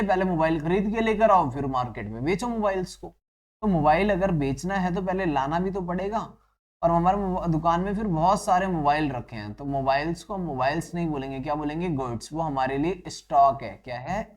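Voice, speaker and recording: A man teaching accounting in a classroom-style lecture, asking his students questions and answering them himself, and slipping English terms into his talk. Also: fairly high pitch. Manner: addresses students as children.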